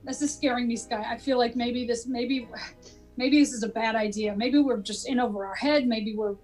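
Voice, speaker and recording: A woman plays a jittery housemate who spirals into panic. Her high voice stumbles over repeated words and climbs as she gets worked up. Faint music sits behind her. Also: fairly even intonation, a little mellow, close to an everyday voice, poor audio. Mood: flustered. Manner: flustered, repeats herself, quick to escalate. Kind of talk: improv comedy scene.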